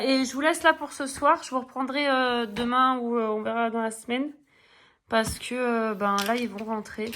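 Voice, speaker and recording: A woman's voice: fairly high pitch, fairly bright tone, a little hiss or hum. A middle-aged woman chatting casually in a coloring vlog, rambling with many fillers and restarts. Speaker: coloring vlogger. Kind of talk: casual chat.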